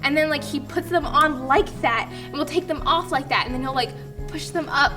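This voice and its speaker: A woman's voice: high-pitched, moderate pace. A woman talking casually and rambling, full of fillers, as she pays a friendly tribute. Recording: distant mic, loud background music.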